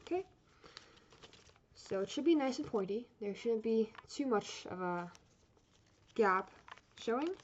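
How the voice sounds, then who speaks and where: A woman's voice: a little high, measured pace, pauses often. A woman giving a casual step-by-step craft tutorial as an instructor, chatty and rambling, often apologetic and correcting herself. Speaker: origami course instructor. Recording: dull lo-fi sound, steady noise.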